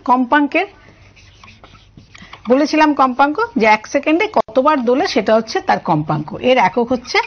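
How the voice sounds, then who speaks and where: A woman's voice: on the high side, breathy edge. A woman with a Bengali accent teaching an online science class, asking students questions and explaining step by step. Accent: Bengali, from Tripura. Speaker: science tutor. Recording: muffled lo-fi audio.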